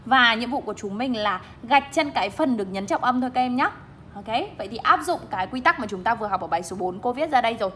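Woman, English teacher, young adult, bright voice, emphatic word modeling, bilingual classroom explanation. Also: a little high, animated, quick pace, a little hiss or hum. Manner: emphatic, stresses syllables while modeling words.

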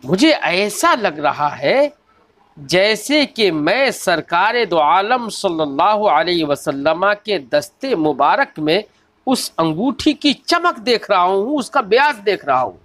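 A man teaching a religious lesson. He reads each quoted line slowly and deliberately, then explains it and often asks rhetorical questions of his listeners. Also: high-pitched, big pitch swings, fairly bright tone. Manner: slow, deliberate recitation of quoted text. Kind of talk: scripture lesson, reading Arabic then explaining.

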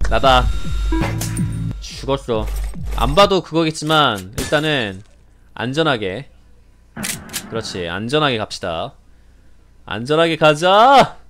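A young man giving excited game commentary as a streamer, pleading, laughing and repeating himself. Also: medium pitch, music in the background. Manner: animated, pleading and laughing, repeats phrases rapidly. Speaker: gaming streamer.

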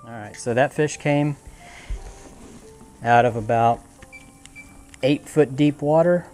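A man's voice: mid-range voice, slow pace, darkish tone, faint music behind. A young man giving casual commentary from a small boat outdoors, thinking aloud with many fillers. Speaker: fishing vlogger. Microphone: action camera on the boat.

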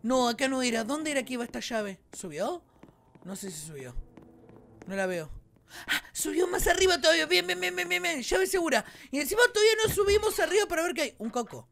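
A young man with a Rioplatense Argentine accent gives excitable gameplay commentary to his viewers. His voice sits high and swoops all over the place. He breaks into shrieks and yells whenever something startles him. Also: brisk, vocal fry. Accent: Rioplatense Argentine Spanish. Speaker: gaming YouTuber.

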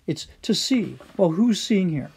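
A man's voice: sits high, very animated, a little slow, darkish tone, a little hiss or hum. A man teaching a recorded Greek lesson, patiently quizzing students and using frequent fillers.

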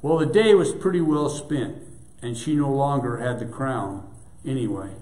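A man preaching a sermon, telling a story in a measured, deliberate way in a church sanctuary. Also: medium pitch, darkish tone. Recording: echoey church room.

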